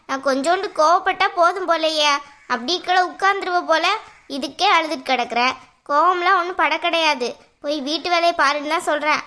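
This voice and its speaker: A woman voicing a stern, high-voiced mother-in-law. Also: bright, forceful tone. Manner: scolding, lecturing. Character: stern middle-aged mother-in-law, secretly caring. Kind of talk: cartoon voice acting.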